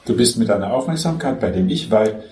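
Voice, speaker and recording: A man's voice: fairly low pitch, lively intonation, brisk, darkish tone. A man as a spiritual teacher, patiently explaining self-inquiry step by step in a spiritual dialogue. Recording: roomy echo.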